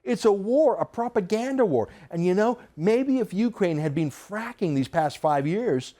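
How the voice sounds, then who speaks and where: A male TV commentator delivers a combative opinion monologue with a fairly high voice that swings widely in pitch. His delivery is emphatic and sarcastic, pressing each point hard. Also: lively intonation, normal speed, dark tone.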